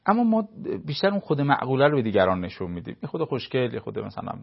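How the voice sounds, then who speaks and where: A man's voice: mid-range voice, sing-song, creaky, husky, muffled recording. A man giving advice on a talk show, explaining his points with everyday examples and short acted-out dialogues.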